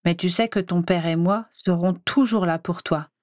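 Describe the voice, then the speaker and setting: Woman reading a protective storybook mum, soft and anxious, coaxing tone, dry close mic. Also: fairly low pitch, moderate pace, no echo, close to an everyday voice. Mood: tender worried. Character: anxious, protective mother of a teenage wizard. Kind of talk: audiobook character voice.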